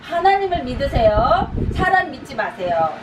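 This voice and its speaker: A woman pastor preaches in a chatty teaching style, circling back to the same urgent calls with small laughs. Her voice sits high and swings widely in pitch. It reaches the mic from a distance in a reverberant room, with steady background noise. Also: moderate pace. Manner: repetitive, urging exhortations with light laughs. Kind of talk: conversational teaching sermon. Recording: echoey, distant, noisy room.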